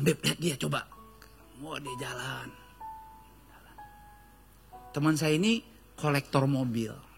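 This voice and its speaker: A male pastor with a Jakarta Indonesian accent preaching a lively, joking sermon full of storytelling and acted-out quotes. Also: sits high, slightly rough. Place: church stage.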